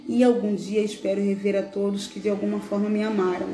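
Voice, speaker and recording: A woman hosting a live show, reading a tribute text slowly and gravely, with long pauses. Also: mid-range voice, flat delivery, dark tone, roomy sound, a little hiss or hum.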